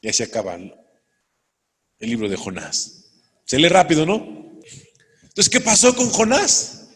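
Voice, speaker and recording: A man's voice: on the high side, wildly swooping pitch, measured pace, slightly rough. A man preaching a sermon, reading scripture aloud and explaining it earnestly to his congregation. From Mexico. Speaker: pastor. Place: church hall. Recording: long hall reverb.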